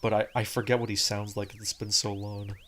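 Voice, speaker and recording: A man with a lowish voice and a fairly bright tone speaks briskly and evenly while streaming a game. His let's-play chatter meanders, full of "like" and repeated restarts, over background game music.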